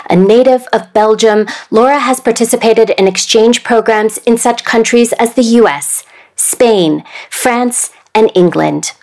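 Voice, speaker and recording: A woman hosting a studio interview, reading a measured introduction and then asking questions with soft affirming murmurs. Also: fairly high pitch. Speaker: podcast host.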